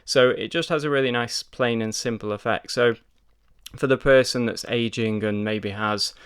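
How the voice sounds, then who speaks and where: Reviewing a watch to camera, a man from the United Kingdom talks casually and chattily, with frequent ums and repeated words. His mid-range voice is steady, clear, and resonant, moving at normal speed.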